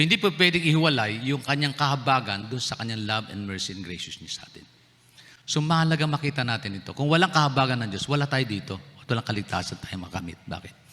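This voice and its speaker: Male pastor, Filipino, sermon, bright voice, asks the congregation questions, long church-hall reverb. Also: mid-range voice. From Philippines. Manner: mixes English phrases into his preaching, asks the congregation questions, jokes. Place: church sanctuary.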